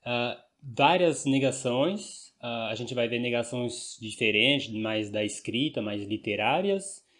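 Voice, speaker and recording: A man who is a native French speaker, teaching a language lesson and repeating example phrases slowly and carefully. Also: mid-range voice, lively intonation, a bit bright. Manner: slow deliberate repetition of example phrases; switches between Portuguese and French explanations. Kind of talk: language lesson explaining grammar.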